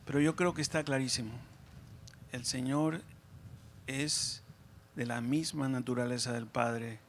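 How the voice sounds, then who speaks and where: A man speaking as a priest at Mass, in a measured, solemn way with pauses between short phrases. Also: medium pitch, fairly even intonation, a little hiss or hum. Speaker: priest preaching and leading prayers at Mass. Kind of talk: sermon and liturgical prayer. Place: church during Mass.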